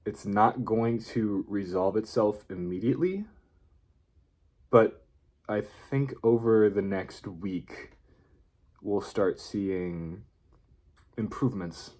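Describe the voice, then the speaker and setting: A man's voice: lowish voice, takes it slowly, pauses often, darkish tone. A man talking casually in an unscripted video diary, rambling and hesitant as he thinks aloud. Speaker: vlogger.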